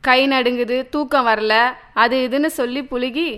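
A woman's voice: moderate pace, sharp tone, clean tone. A woman playing a wife who scolds her husband for drinking, in a radio drama. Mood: pleading. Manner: shrill, scolding, wailing.

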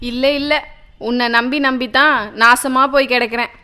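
A woman's voice: fairly even intonation, normal speed, pushed and bright, smooth. A woman playing a wife who scolds her husband for drinking, in a radio drama. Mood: accusing. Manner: shrill, scolding, wailing.

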